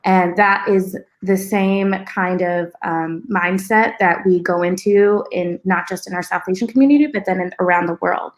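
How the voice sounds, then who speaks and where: A woman's voice: fairly low pitch, moderate pace, few pauses, low-quality recording. A young woman on a panel making firm, emphatic points, with frequent ums. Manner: firm, emphatic, filler-heavy. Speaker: panel guest. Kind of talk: casual panel discussion.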